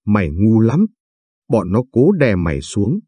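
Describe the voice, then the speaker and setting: Guy reading tough foul-mouthed young woman, bossy, low husky voice. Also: sing-song, a little slow, dark tone, no room sound, studio quality, exaggerated voice. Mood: scolding. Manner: coarse, threatening, bossy. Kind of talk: audiobook reading.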